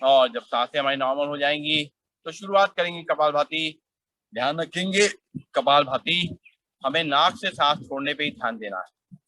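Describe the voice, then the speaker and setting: A middle-aged man leading a guided yoga class outdoors, calmly instructing and counting breaths aloud in a steady rhythm. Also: fairly high pitch, moderate pace, no room sound, poor audio.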